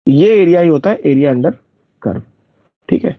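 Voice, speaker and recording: A man's voice: on the high side, lively intonation, unhurried, vocal fry, no echo. A man teaching math in a live online class, explaining step by step and checking whether his students follow. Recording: dull lo-fi dry recording.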